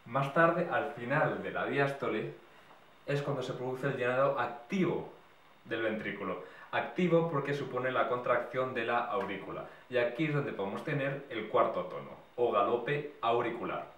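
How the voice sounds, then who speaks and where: A man's voice: medium pitch, lively intonation, moderate pace, fairly bright tone. Man, medical tutor, methodical lecture, roomy echo, distant mic. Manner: methodical, recaps in short lists. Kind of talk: explanatory lecture. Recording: echoey room, mic at a distance.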